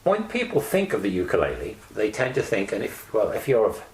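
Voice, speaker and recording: An older man interviewing a guest, asking questions in a lively, conversational, admiring way. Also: lowish voice, fairly quick. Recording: roomy echo.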